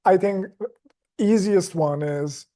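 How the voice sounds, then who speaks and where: A man speaking as a guest on a podcast, casual and measured, often restarting his sentences. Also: high voice, dark tone. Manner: measured and slow, with frequent restarts and "like" fillers. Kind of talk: casual chat.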